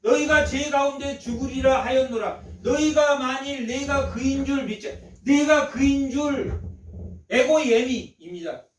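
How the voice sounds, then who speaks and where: In a notably high male voice, a pastor preaches an unhurried Sunday sermon, hammering points home with repeated phrases and rhetorical questions aimed at the congregation. The mic sits at a distance in an echoey church hall, so the sound is roomy and slightly far off.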